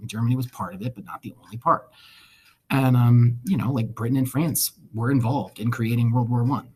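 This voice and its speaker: Male teacher, husky, relaxed lecturing tone, dry humour. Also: mid-range voice, a little fast. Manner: casual, conversational, with wry asides. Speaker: history teacher. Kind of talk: recorded classroom lecture.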